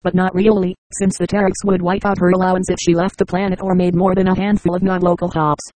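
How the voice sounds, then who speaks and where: A narrator reading a science-fiction novel aloud in an even, unhurried way. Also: medium pitch, dry recording, rough recording. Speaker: audiobook narrator. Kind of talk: scripted narration.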